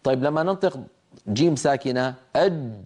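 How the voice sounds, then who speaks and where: A man's voice: medium pitch, brisk, a little mellow. A man teaching Quran recitation in a televised lesson, patiently sounding out letters and asking listeners to repeat them. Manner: asks listeners to repeat after him.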